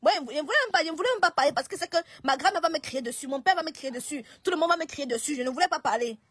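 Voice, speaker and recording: A woman's voice: high-pitched, lively intonation, rapid-fire, fairly bright tone, no room sound, studio quality. A woman talking on a live stream, hesitant, often restarting and pleading. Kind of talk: casual live-stream talk.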